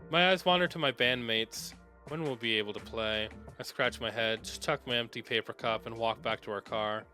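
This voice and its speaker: A man streaming, reading a visual novel aloud with expressive narration while sniffly with a cold. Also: medium pitch, moderate pace, soft background music. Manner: expressive narration, breaks off to joke and apologize. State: sneezing, stuffy nose.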